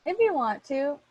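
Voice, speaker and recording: Speaking into a small personal mic on a group call, a woman hosts some relaxed pre-recording chat from her bedroom as she organises everyone. Her voice is high and slightly mellow, and the audio sounds dull.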